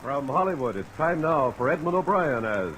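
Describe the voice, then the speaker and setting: A man's voice: fairly high pitch, sing-song, normal speed, noisy background. A man announcing in formal, emphatic 1950s network radio style, reading from a script. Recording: muffled old radio broadcast, music and rain.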